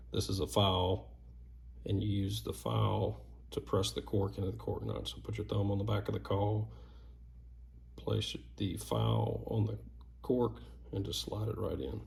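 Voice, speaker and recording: A man with a low voice and a noticeable creaky fry, talking through a hands-on repair. He explains each step in a plain, folksy way, like a craftsman giving casual instruction. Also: dark tone. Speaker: duck call maker giving repair tips.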